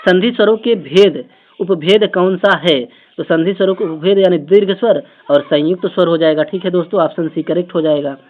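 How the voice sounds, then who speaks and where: A man with a fairly high voice runs an exam-prep grammar lesson online. He walks through memory tricks, keeps firing rhetorical questions and talks aloud as he writes on the screen. The sound is thin and tinny, like a phone line. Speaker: Hindi exam teacher.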